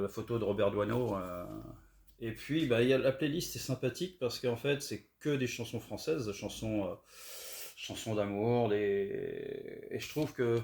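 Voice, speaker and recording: A man's voice: on the low side, vocal fry. A middle-aged man from France chatting casually and hesitantly, with many fillers, about records he found. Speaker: record collector vlogger. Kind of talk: casual haul video chat.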